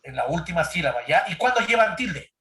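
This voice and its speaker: A male teacher leads a grammar lesson over a computer mic. His voice sits a little high for a man, and he keeps checking in with his students and tossing questions at them. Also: big pitch swings, a little fast, vocal fry, pushed and bright. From Ecuador. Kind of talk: online grammar class.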